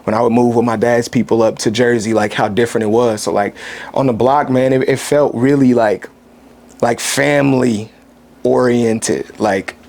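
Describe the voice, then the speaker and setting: A man's voice: medium pitch, fairly even intonation, a little mellow. Thoughtful thirty-something male guest. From Kansas City, US. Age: 30s. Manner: thoughtful, pauses with "uh" and "um". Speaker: podcast guest, actor. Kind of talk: relaxed interview talk.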